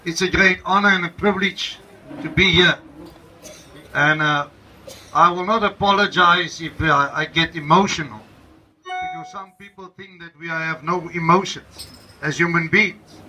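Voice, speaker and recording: A man, an interim leader, giving a slow, emphatic ceremonial welcome speech to a gathering and repeating his key phrases. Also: on the high side, steady tone, pushed and bright, faint music behind, low-quality recording. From South Africa.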